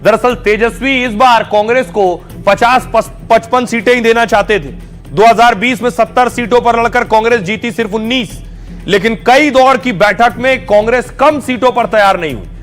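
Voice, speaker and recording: A man narrating a television news report as anchor, with a brisk, punchy broadcast delivery. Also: extremely high pitch, a bit bright, faint music behind.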